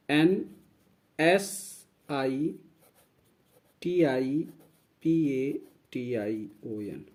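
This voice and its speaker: Guy teaching english words, kinda high voice, repeats and spells everything. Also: darkish tone. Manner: slow, repeats each word and spells it out. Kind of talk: vocabulary lesson.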